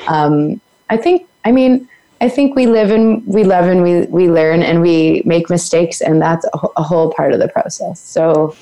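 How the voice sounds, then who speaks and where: A woman interview guest talking reflectively and haltingly, thinking aloud. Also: lowish voice, mellow, low-quality recording.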